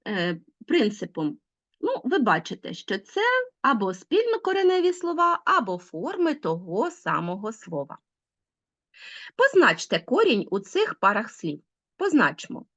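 A woman teacher giving an online school lesson, explaining rules with lively, rising emphasis. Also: fairly high pitch. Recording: dull lo-fi sound.

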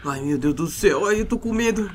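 A man with a Brazilian Portuguese accent narrating a Minecraft role-play in an excitable, exclamatory way. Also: high-pitched, fairly quick, soft background music. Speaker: gamer YouTuber.

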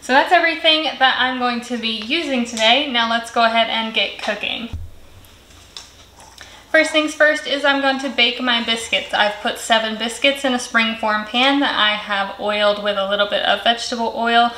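Woman, slightly high voice, cooking voice-over, roomy kitchen echo, sizzling pan. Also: steady tone, moderate pace, sharp tone, slight background noise. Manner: friendly step-by-step instruction. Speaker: cooking channel host.

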